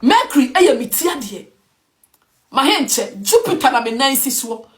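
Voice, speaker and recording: High, lively Ghanaian woman ranting. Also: moderate pace. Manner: emphatic, mixes English with Twi. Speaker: online commentator. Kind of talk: passionate opinion rant.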